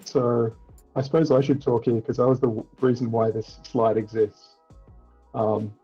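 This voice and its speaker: Husky man, informal self-deprecating tech talk. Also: medium pitch, fairly even intonation, moderate pace, mellow. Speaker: software engineer speaker. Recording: dull muffled audio, faint music.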